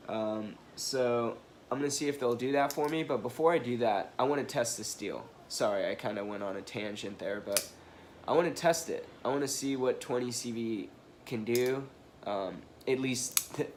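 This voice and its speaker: This mid-range male voice belongs to a knife reviewer whose nose is blocked, maybe by a cold or allergies. He apologizes as he meanders through a laid-back product review, restarting often and leaning on fillers, with a faint hum or hiss behind him.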